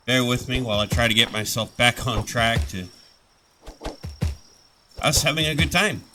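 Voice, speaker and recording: A man with a mid-range voice hosts a gaming channel, chatting casually over his gameplay. Getting over a head cold, he rambles and keeps restarting his sentences.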